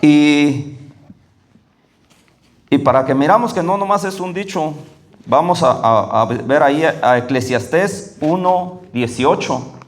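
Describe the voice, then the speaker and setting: A man giving a conversational sermon, often checking in with the congregation and slowing down to read scripture aloud. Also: echoey room. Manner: slows down and rises in pitch when reading scripture. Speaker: preacher. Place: church hall.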